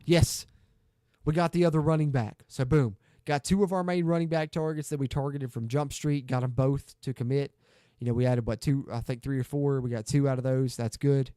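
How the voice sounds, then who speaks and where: A man's voice: mid-range voice, steady tone, brisk, hardly any pauses, dark tone, smooth, dry recording, clean studio sound. A man streaming a football video game, chatting upbeat to viewers as he plays. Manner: chatty, upbeat, talks to viewers while playing. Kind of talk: casual gaming livestream commentary.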